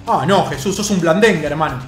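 A man's voice: fairly high pitch, brisk, reverberant, soft background music. A young man with an Argentine accent commentating his own video game match, exasperated and repeating his complaints. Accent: Argentine Spanish. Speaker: gaming youtuber.

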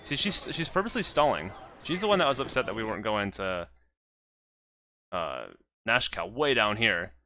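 A man's voice: lowish voice, expressive, normal speed, sharp tone. A man casually commenting on his own gameplay as the host of a let's play, chatty and self-mocking, talking to the characters on screen.

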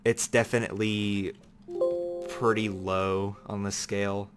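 A young man hosting a casual podcast chat, rambling and laughing often, getting animated when he rants. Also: on the low side, slow, music in the background. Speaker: podcast host.

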